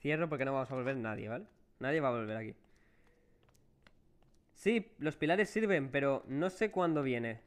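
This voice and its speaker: A man's voice: medium pitch, lively intonation, moderate pace, long pauses. A man with a Spain Spanish accent streaming a horror game live, chatting with viewers and cursing when he gets startled. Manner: jumpy, curses and groans when startled. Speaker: livestreaming gamer.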